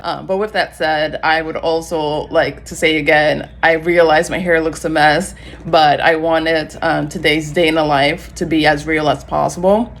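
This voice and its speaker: A young woman vlogging casually to her phone camera at home, rambling with lots of fillers and rushing when nervous. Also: deep voice, steady tone. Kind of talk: casual vlog talk to camera. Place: home, on a couch.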